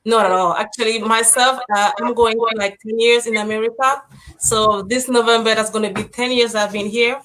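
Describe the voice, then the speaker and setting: A woman's voice: a little high, fairly even intonation, normal speed, a bit bright, poor audio. Hesitant Cameroonian woman guest. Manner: hesitant, restarts, fillers. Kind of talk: casual interview chat.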